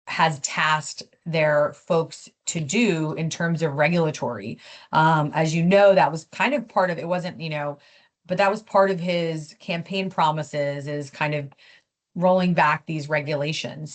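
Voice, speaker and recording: Low-voiced woman giving a policy update. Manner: conversational, many fillers and restarts. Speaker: policy speaker. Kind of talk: webinar update.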